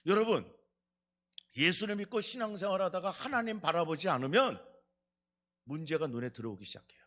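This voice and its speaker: Fervent high-pitched male preacher. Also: expressive, a little fast, fairly bright tone. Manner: fervent preaching, questioning the congregation and acting out quotes. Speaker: pastor. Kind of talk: Friday night revival sermon. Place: church sanctuary.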